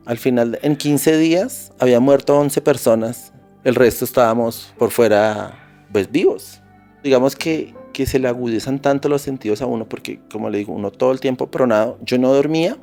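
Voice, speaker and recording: A Colombian man tells his story with a gravelly, rough-edged voice and a dark, mellow tone. He speaks intensely and vividly, often restarting his sentences, while soft music plays faintly behind him. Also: medium pitch. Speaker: interview guest. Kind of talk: personal storytelling in an interview.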